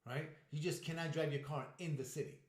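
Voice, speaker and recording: A man from the United States chats on a family podcast, voice sitting a little high for a man. He tells stories with animated acted-out quotes, and the room around him rings with echo. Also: fairly quick. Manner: animated storyteller, acts out quotes. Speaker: podcast co-host. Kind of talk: casual chat. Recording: roomy echo.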